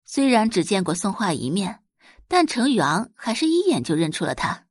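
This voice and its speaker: A female audiobook narrator tells a story in a scripted, expressive style, her mid-range, husky voice moving widely in intonation at a normal speed. The recording is close and dry.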